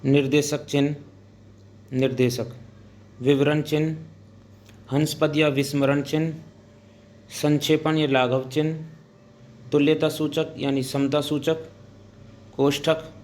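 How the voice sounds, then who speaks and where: A man teaching Hindi grammar in a slow classroom lecture. He pauses between items and reads each example out slowly before he explains it. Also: on the high side, flat delivery, a little mellow. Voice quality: deliberate, pausing between listed items. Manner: dictating examples slowly, then explaining them.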